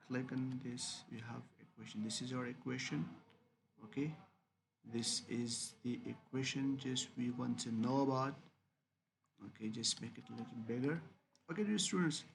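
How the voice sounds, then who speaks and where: A man teaching a business class, his voice gravelly and pitched in the middle range. He keeps calling out to "dear students" and checking "okay?", and he leans hard on key terms. Faint noise sits under the recording. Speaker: business lecturer. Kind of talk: recorded lecture with screen demo.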